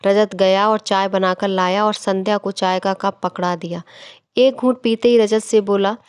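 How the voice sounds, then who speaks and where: A woman reading a scripted moral story aloud in an even, measured way. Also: mid-range voice, smooth, no room sound, studio quality. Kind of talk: scripted narration.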